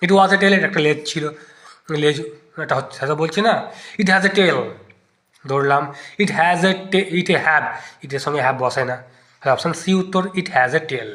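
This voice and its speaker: A male teacher talks through exam questions option by option, reasoning aloud as he rules each one out. His voice is bright and sits a little high. The room around him is echoey. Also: unhurried. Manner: thinks aloud, testing each option in turn. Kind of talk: exam-prep lesson explaining grammar answers.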